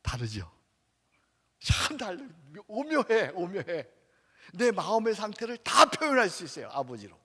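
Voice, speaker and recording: Korean pastor preaching in a reverberant church. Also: male voice, sits high, huge pitch swings, a little slow, breathy edge. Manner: swings between loud calls and hushed prayerful murmurs; asks the audience questions and has them repeat prayers. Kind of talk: sermon at a pastors' conference. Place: church sanctuary with long reverb.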